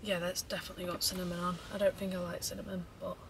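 A young woman talking fast and rambling through a mukbang vlog, chatting between bites of food. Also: on the low side, level tone, gravelly, background noise. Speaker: vlogger.

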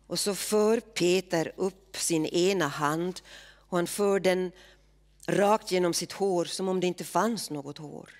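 A woman reading literary prose aloud in a measured, expressive way. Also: fairly low pitch. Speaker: reader.

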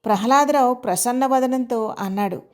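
A woman narrating an audio story in a measured, expressive reading. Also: on the high side.

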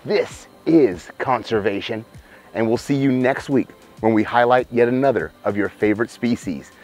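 A man, hosting a wildlife show outdoors by a cave, presenting with excited, emphatic showmanship on a lapel mic. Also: medium pitch, normal speed, faint music behind. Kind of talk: enthusiastic outdoor nature presenting. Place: outdoors by a cave in open country.

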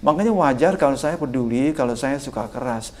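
Older man, emphatic, animated, guest expert, podcast interview. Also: mid-range voice, a little fast, slight background noise. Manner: emphatic, animated, sprinkles "Pak" often. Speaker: guest political communication expert.

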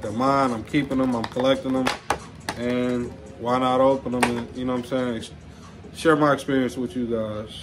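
A man casually chatting through a toy unboxing, relaxed and slangy, often calling listeners "man". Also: mid-range voice, normal speed, background noise. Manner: laid-back, slangy, says "man" often. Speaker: toy review vlogger.

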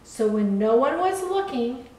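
A woman's voice: high voice, expressive, measured pace, darkish tone. A woman voicing an eager, earnest young male lighthouse in a storybook. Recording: echoey room from far off.

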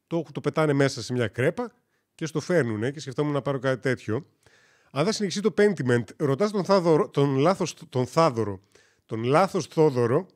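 A man's voice: medium pitch, a little mellow. A man from Greece chatting casually on a gaming live stream, rambling and joking as he tells stories and corrects himself.

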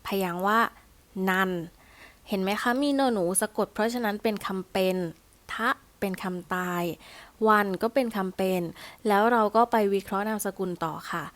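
A woman's voice: medium pitch, moderate pace, fairly bright tone. A woman primary school teacher giving a recorded online lesson, asking her class patient questions and ending phrases with polite particles.

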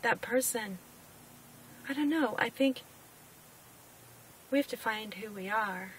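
A woman's voice: a little high, slow pace, fairly bright tone. A woman in her forties from Oregon talks earnestly and heartfelt in a personal vlog from a parked car, repeating phrases for emphasis. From Oregon, United States. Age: 40s. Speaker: weight-loss vlogger. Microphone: camera on the dashboard. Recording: slightly distant car mic with outside noise.

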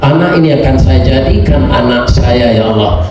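A middle-aged man with a Minangkabau accent, preaching a sermon through a lively story, acting out the characters with big swings in pitch. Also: moderate pace, soft background music. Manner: animated, acts out characters, shifts pitch often. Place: large hall or school assembly. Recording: echoey hall, distant mic.

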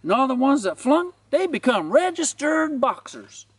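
A man's voice: very high voice, sing-song, moderate pace, no room sound, far from the mic, voice pushed up. A man voicing a cocky, wisecracking male ranch dog who taunts with a mocking drawl. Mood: taunting.

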